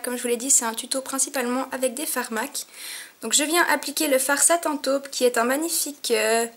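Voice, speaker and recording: A young beauty vlogger with a cold sniffles her way through a chatty makeup tutorial, full of fillers, while facing a mirror at home. Her voice is high-pitched and a bit bright.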